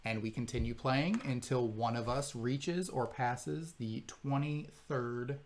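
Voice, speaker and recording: A man walks viewers through a board game as he plays, in a relaxed, conversational way. He explains each rule patiently and step by step, checking in with his co-player as he goes. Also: medium pitch, slow, a little hiss or hum. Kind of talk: casual board game playthrough commentary.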